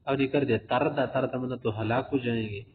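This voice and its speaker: A man's voice: mid-range voice, steady tone. A man teaching a tajweed lesson, explaining letter errors with spoken examples and addressing listeners as respected sirs. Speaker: Quran recitation teacher. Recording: tinny phone-like recording.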